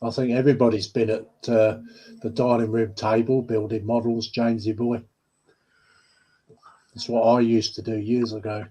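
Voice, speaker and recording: Man, husky voice, easygoing friendly chat, mid pitch. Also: level tone, normal speed, long pauses, warm tone. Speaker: guest on a livestream. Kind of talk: casual chat.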